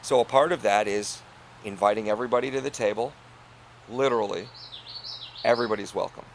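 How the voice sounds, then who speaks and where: Speaking in a lowish voice and a little fast, this middle-aged inn co-owner chats earnestly and casually. He laughs a lot and lets sentences trail off softly, with slight background noise behind him.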